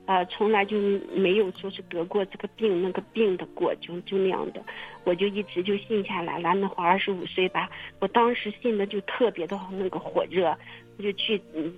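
A woman telling her own story in casual testimony, halting and repeating her words with many fillers. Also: medium pitch, fairly even intonation, soft background music. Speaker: testimony guest. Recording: muffled phone-line radio recording.

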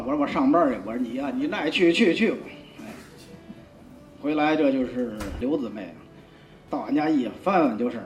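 A man, giving a rambling, colloquial spoken testimony full of repeats and restarts. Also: fairly high pitch. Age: 50s. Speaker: church member giving testimony. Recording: roomy, dull sound with faint music.

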